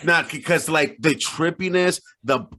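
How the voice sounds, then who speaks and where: A man co-hosting a casual podcast over a video call, talking in animated slang with sudden exclamations. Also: fairly high pitch, unhurried. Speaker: podcast co-host.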